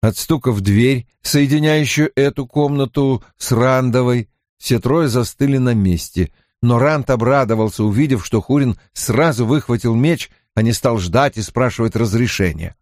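A male audiobook narrator with a mid-range voice. He reads at an even, measured pace. The recording is dry, with no room sound. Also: medium pitch, dry recording. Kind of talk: scripted narration.

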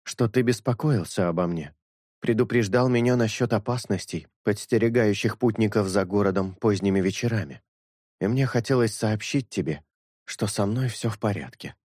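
A man's voice: on the low side, a little mellow, no echo, studio quality, natural voice. A man doing an earnest young priest. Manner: measured, thoughtful and sincere. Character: earnest young male priest, calm and honest.

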